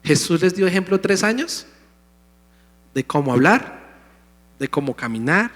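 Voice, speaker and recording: A man's voice: high-pitched, big pitch swings, measured pace, a bit bright. Preaching man in an echoing hall. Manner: emphatic preaching, calling out to the congregation. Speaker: pastor. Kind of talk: sermon. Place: church sanctuary. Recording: long hall reverb.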